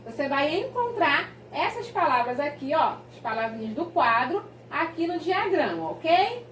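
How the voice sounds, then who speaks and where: A woman teacher with a Brazilian accent talks young pupils through their workbook in a very high voice that rises and falls a lot. She paces everything slowly and clearly, in a sing-song way. She sits a little back from the microphone in an echoey room with a faint hiss behind her. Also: sing-song, a bit bright, far from the mic. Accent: Brazilian Portuguese. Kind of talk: remote class lesson reading a textbook.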